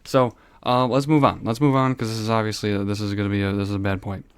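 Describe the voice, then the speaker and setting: Man, history teacher, rambling casual review lesson, gravelly, dry close desk mic. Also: fairly low pitch, little pitch movement, quick pace, no echo. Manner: rambling, easily sidetracked, self-mocking. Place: his room at home. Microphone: desk microphone.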